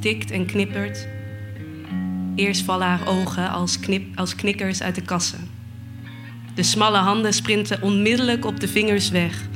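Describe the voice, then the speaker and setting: A woman reciting spoken word poetry in a slow, measured way. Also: medium pitch.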